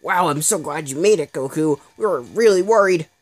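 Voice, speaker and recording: A woman voicing a short, loyal male fighter in a fan dub of game dialogue, sounding excited and worried. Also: deep voice, moderate pace, faint music behind. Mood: relieved.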